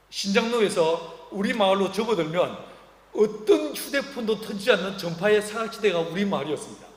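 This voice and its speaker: A middle-aged male pastor delivers a sermon in a reverberant church hall, his voice sitting high for a man. He tells stories with a light, humorous touch. He slips into the voices of the people in them. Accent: Korean. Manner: humorous, acts out quoted dialogue. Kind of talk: sermon with storytelling. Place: church sanctuary.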